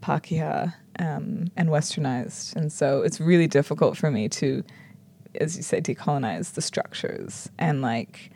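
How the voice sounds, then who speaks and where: NZ woman, deep fry-edged voice, reflective conversational read with soft trailing endings. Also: measured pace. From New Zealand. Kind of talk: casual conversation.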